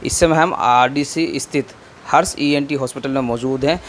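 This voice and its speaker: A man's voice: mid-range voice, normal speed, a little hiss or hum. A male news reporter formally introduces his interview with a doctor at a hospital. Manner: formal, presenter-like greeting.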